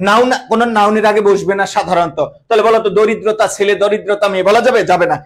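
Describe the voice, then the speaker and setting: Young man, high voice, online teacher, asks his students questions, mixes in English words. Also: quick pace, poor audio. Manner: lively, asks students questions and answers them himself. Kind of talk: online class lesson.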